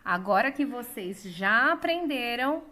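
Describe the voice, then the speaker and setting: A woman with a Brazilian Portuguese accent teaching a lesson, calling out words slowly and drawing out the stressed syllable. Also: on the high side, lively intonation, bright, forceful tone. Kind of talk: slow, clear classroom lesson.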